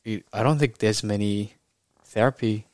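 Male guest from Japan, native Japanese speaker, low voice, dry close sound, halting casual talk peppered with Kiwi slang. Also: darkish tone, dry recording. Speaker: podcast guest, rugby player. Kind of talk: casual interview chat.

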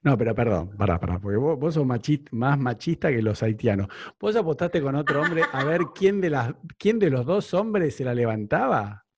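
A man. His voice sits at an ordinary middle pitch. He keeps prodding his guests with playful, teasing questions. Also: animated, moderate pace, hardly any pauses, noisy background. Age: 40s. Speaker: host. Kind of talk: casual interview.

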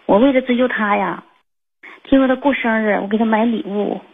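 A woman's voice: fairly high pitch, fairly quick, slightly rough. A woman, calling in and telling a personal story in a rambling way, full of fillers and restarts. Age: 20s. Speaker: caller. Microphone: phone. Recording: tinny phone line.

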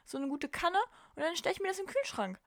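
A woman in her twenties co-hosting a podcast, telling stories in a casual, lively way and laughing often. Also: extremely high pitch, fast, no room sound, clean studio sound. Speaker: podcast co-host. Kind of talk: casual chat.

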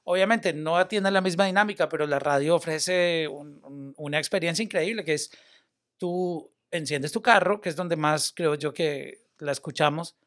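High-voiced man chatting casually. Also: normal speed. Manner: animated, loose, sprinkles English words. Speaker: media personality and former radio host. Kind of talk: casual podcast chat.

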